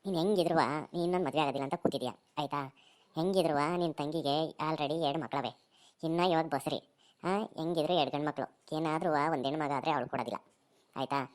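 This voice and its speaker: Woman doing sly village guy giving advice, low voice, fast. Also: a little mellow, lightly acted. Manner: coaxing rustic dialect. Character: scheming village man friend full of ideas.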